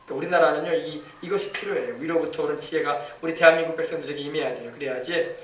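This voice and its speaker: The recording comes from far off in an echoey church hall, where a man pastor preaches a sermon in the sanctuary with emphasis, repeating words and crying hallelujah. He sounds a little high and racing, with fairly even intonation.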